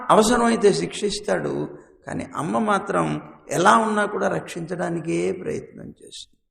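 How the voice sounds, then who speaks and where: A man's voice: high-pitched, vocal fry. A man giving a religious discourse, telling stories and acting out a mother, child and father in dialogue. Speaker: religious teacher. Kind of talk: Telugu discourse with acted family scenes. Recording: echoey hall with long reverb.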